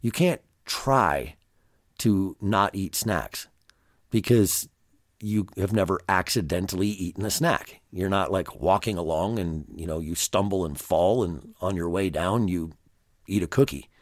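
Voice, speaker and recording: Low, gravelly-voiced man. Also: unhurried, no room sound, clean studio sound. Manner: direct, plain-spoken, addresses the listener. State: congested by allergies. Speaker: podcast host. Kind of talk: self-help monologue, conversational.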